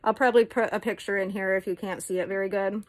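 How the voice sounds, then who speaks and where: A woman's voice: medium pitch, fairly even intonation, fast, low-quality recording. Female vlogger, casual show-and-tell delivery, chatty and blunt, drops the odd swear.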